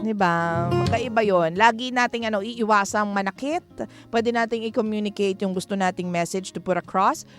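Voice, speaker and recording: A woman's voice: mid-range voice, moderate pace. A woman hosting a radio advice show, chatty, playful and frank, laughing often. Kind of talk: late-night radio advice talk. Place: radio studio. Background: music bed.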